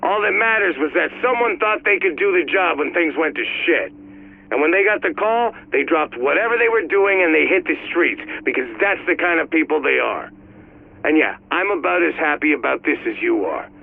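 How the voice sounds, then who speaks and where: A blunt, gravelly police commander. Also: male voice, fairly high pitch, animated, moderate pace. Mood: gruff. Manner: gruff, blunt briefing to a crowd. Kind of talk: game audio log. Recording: tinny radio-like recording.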